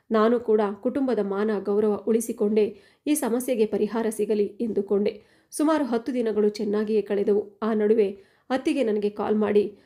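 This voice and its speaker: A woman narrating an emotional first-person family story, reading every quoted line in a steady, even voice. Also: mid-range voice.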